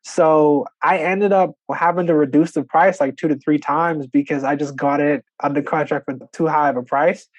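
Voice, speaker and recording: A man in his twenties from the Bahamas, a podcast guest telling his story in a relaxed, conversational way with frequent "you know" and "like". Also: a little high, moderate pace, few pauses, no room sound, highs cut off. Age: 20s. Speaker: podcast guest, real estate investor. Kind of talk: conversational interview.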